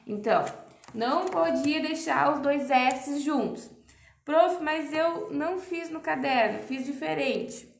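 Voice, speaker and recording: A woman's voice: high voice, reverberant. A young woman teacher with a Brazilian Portuguese accent, patiently explaining a lesson to children, checking often that they follow. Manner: patient, explains slowly with many "ó" and "tá?". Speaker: primary school teacher. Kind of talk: recorded remote class lesson.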